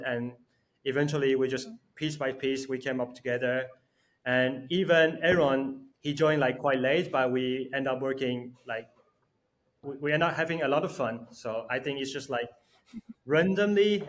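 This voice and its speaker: A man from Taiwan, explaining earnestly and in a friendly way as a guest. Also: medium pitch. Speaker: junior developer guest. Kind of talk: casual interview.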